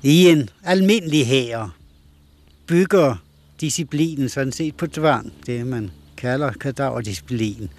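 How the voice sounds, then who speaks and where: A man's voice: medium pitch, darkish tone. An older man giving earnest testimony, searching for words, on an archival recording. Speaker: interviewed veteran volunteer. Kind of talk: recalled testimony.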